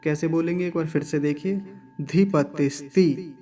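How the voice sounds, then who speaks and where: A man teaching Vedic mantra pronunciation, patiently repeating each word slowly, syllable by syllable. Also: on the high side, fairly even intonation, warm tone. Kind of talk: online recitation lesson.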